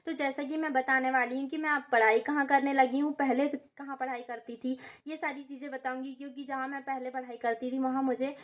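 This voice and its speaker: A woman's voice: high voice, level tone, a little fast, few pauses. A young woman in her twenties chatting casually to viewers while walking them through her small home. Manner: chatty, addresses viewers as "bhai" and "yaar". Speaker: vlogger. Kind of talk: casual home tour vlog.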